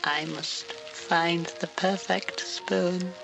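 A man voicing a creepy, gaunt male cartoon oddball who speaks in a high, drawn-out, eerie way, very slowly and politely. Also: fairly even intonation, gravelly, full character voice. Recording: cartoon clip with eerie music.

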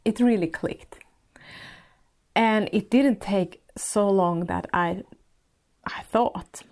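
Speaking slowly in a mid-range voice, a woman from Sweden runs a solo podcast as a life coach. She's a native Swedish speaker with a Swedish accent, gently feeling for words in English and restarting in small ways.

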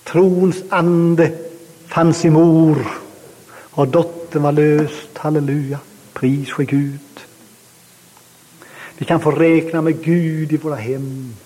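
A man's voice: a little high, steady tone, pauses often, dark tone, long reverb tail, poor audio. A man preaching a fervent sermon and prayer, calling out hallelujah often and climbing to emotional peaks.

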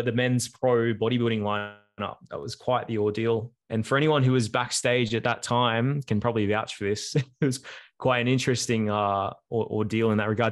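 A young man, co-hosting a podcast and telling a long, rambling story full of fillers. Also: medium pitch. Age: young adult. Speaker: podcast co-host. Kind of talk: casual podcast chat.

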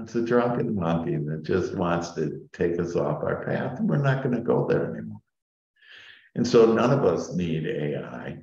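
A man's voice: very deep voice, gravelly, a little mellow, reverberant, lo-fi sound. A man hosting an informal spiritual talk. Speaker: spiritual host.

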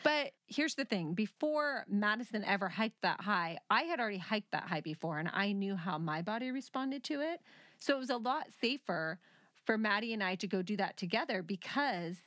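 A woman's voice: mid-range voice, expressive, normal speed, a bit bright, dry recording, clean studio sound. A woman hosting a true-crime podcast, telling the story conversationally in an informal, explanatory way with teasing banter. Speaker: podcast host.

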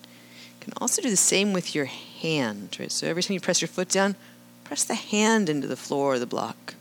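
Calm woman guiding a yoga class. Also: low-pitched, moderate pace, a little hiss or hum. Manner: calm, cueing breath and movement, with rhetorical "right?". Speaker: yoga instructor.

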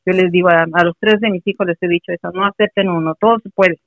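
A woman's voice: on the low side, fairly even intonation, fast talker. A middle-aged woman from Mexico City, a guest in a casual interview, speaking earnestly and encouragingly. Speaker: interview guest, mother of a player. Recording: muffled, dry recording.

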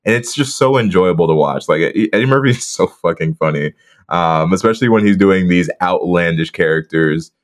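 A man with a very low voice talks through a film in a relaxed podcast chat. He rambles with fillers and laughs easily. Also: a little fast. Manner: laid-back, laughs often, rambling with fillers. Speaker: podcast co-host. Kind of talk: casual movie discussion.

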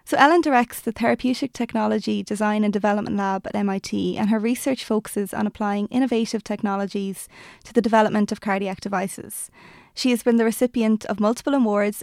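A woman's voice: mid-range voice, fairly even intonation, fast, creaky, darkish tone, dry recording, studio quality. A woman with an Irish accent speaking as a podcast host, introducing and interviewing.

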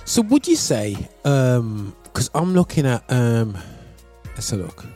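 A man's voice: medium pitch, big pitch swings, unhurried, mellow, soft background music. A man hosting a casual chat, informal and slangy, often repeating his words. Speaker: host.

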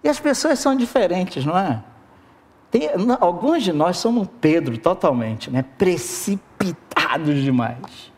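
A preacher giving an expressive sermon and speaking right to the congregation. The voice sits at a middling pitch and leaps up and down with lively intonation. The delivery stays warmly engaged with the listeners throughout. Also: a little slow. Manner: expressive, addresses the congregation directly.

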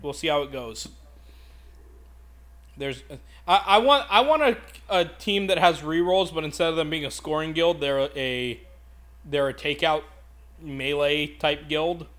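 A man with a notably high voice chats on a casual podcast. He tells stories in an animated, profane rush, venting about bad luck and laughing at himself. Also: measured pace, pauses often. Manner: animated, profane ranting storyteller. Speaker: podcast co-host.

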